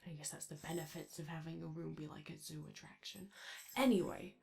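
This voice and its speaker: A woman voicing an excitable, gentle animatronic sun attendant who rambles hesitantly and chattily in an ASMR comfort roleplay. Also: low voice, brisk, gravelly. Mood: mock indignant. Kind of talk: ASMR character roleplay, improvised-sounding comfort monologue.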